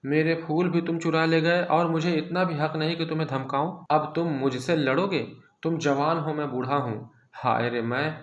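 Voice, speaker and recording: A frail, half-mad old man wails in a high, tearful voice, as a male narrator puts him on. He sounds sickly and put-upon, and the room adds a clear echo behind him. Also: fairly even intonation, normal speed, hardly any pauses, lightly acted. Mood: whining.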